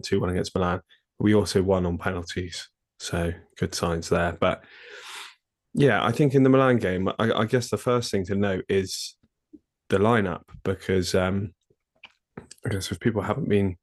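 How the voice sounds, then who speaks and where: A man hosting a casual football podcast, his voice nasal and congested from a cold. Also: fairly low pitch. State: ill with a cold. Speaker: podcast host.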